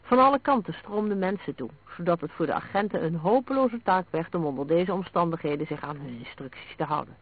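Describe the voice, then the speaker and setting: Man narrating a detective story, high and tinny. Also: expressive, fairly quick, hardly any pauses, husky, dry recording. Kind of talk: audiobook reading of a detective story. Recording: narrow phone-like sound.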